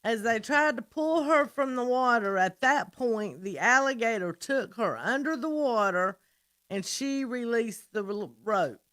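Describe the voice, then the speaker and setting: A woman co-hosting a morning radio show, reading out a news report at a steady pace and adding dry remarks. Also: on the high side, a little slow.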